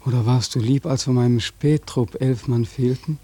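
A man's voice: medium pitch, fairly even intonation, moderate pace, warm tone, husky, natural voice. An actor playing a bitter young war veteran who accuses God and mocks people while dreaming of his own death. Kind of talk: radio play acting.

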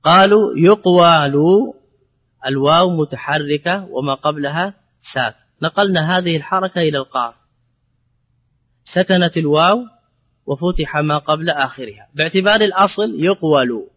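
Step by step, a man explains classical Arabic grammar, asking rhetorical questions and repeating example words as he teaches. He speaks in a slightly high, somewhat bright voice.

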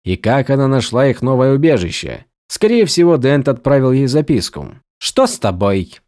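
Мужчина читает фэнтези-роман как аудиокнигу, выразительно и драматично, близко к микрофону. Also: male voice, mid-range voice, moderate pace, no echo, clean studio sound. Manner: expressive, dramatic reading. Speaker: audiobook narrator. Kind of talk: scripted fantasy narration.

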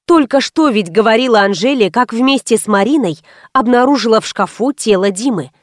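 A woman's voice: on the high side, lively intonation, brisk, no room sound, clean studio sound. Woman reading a wry first-person audiobook. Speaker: audiobook narrator. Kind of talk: first-person ironic detective narration.

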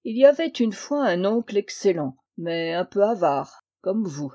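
A charming young rogue of a nephew who coaxes and flatters his rich uncle, as a woman reads him in an audiobook. His voice sounds mellow and warm, lifted with eager charm. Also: medium pitch, unhurried. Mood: wheedling. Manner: wheedling, coaxing. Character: charming, roguish young male diplomat nephew. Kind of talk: audiobook reading.

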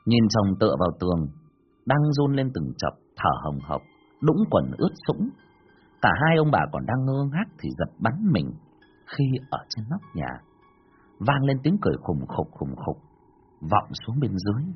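A man narrating a ghost story in a dramatic, animated storytelling manner. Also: on the low side, moderate pace, husky, narrow, tinny audio, faint music behind.

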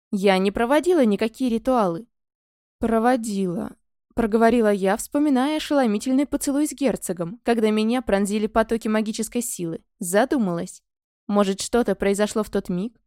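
A woman narrating a fantasy audiobook in the first person, expressive and scripted, on a close microphone. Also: mid-range voice, no echo.

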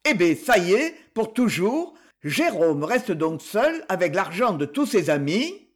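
A man's voice: high-pitched, very animated, unhurried, heavily acted. A man reading aloud and voicing an old shoemaker uncle who grumbles and gets flustered. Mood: grumbling.

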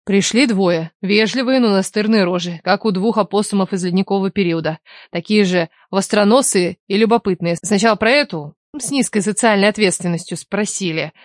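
A woman narrating a first-person novel as an audiobook, in an even storytelling read. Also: medium pitch, a little fast, no room sound, clean studio sound.

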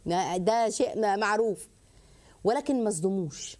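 A woman hosting a call-in advice show, lecturing briskly and acting out bits of dialogue. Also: mid-range voice, darkish tone.

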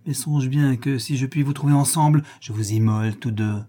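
A man's voice: medium pitch, normal speed, warm tone, close to an everyday voice. A man reading aloud, voicing a jealous, furious young countess with an imperious, scolding manner.

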